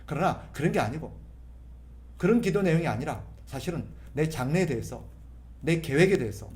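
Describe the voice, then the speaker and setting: A man preaching at a prayer meeting, his fairly high voice swinging widely between soft, prayer-like murmurs and emphatic bursts. He talks to the congregation as if chatting and answers his own rhetorical questions with force. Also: lively intonation, moderate pace. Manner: conversational preaching, often acting out sample prayers and voices. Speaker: pastor. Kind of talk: sermon at a Friday prayer meeting.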